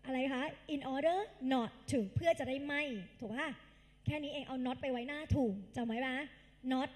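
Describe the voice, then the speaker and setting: High-voiced woman tutor in a reverberant hall. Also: steady tone, measured pace. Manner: quizzing the class in call-and-response, drilling pronunciation; calls the students kids and dear. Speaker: English tutor. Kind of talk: live exam-prep lecture.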